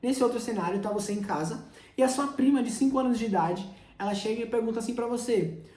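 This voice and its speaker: A man's voice: very high voice, fast talker, darkish tone. A young man who coaches sales gives an instructional talk, addressing the listener directly. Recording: roomy echo.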